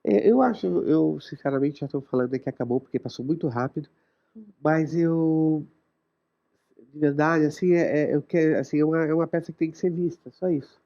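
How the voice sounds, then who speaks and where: A woman's voice: sits low, fairly quick, dark tone, lo-fi sound. A woman hosting a casual interview, enthusiastic and often jumping in with short replies. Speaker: host and producer.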